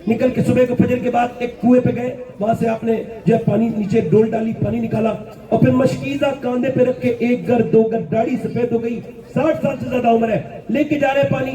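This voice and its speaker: High-voiced preacher in an echoing mosque. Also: male voice, flat delivery, mellow. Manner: storytelling, acts out dialogue, asks the crowd to respond. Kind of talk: religious sermon. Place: mosque gathering. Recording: echoey mosque, distant mic, crowd.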